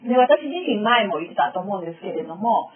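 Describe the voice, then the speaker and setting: A woman's voice: mid-range voice, sing-song, fast talker, crowd noise. A woman teaching a spiritual school's lesson in a spoken lecture, explaining with acted-out examples. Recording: tinny phone-like sound.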